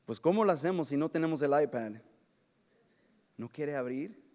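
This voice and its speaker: A man preaching a sermon as pastor, telling lively, self-mocking stories from his own life. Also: on the high side, normal speed. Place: church sanctuary. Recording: long church reverb.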